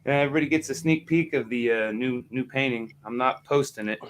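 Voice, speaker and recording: On poor audio, a man with a mid-range voice talks a little fast while hosting a casual music talk show podcast. He's a laid-back storyteller who chats and acts out phone calls in put-on voices.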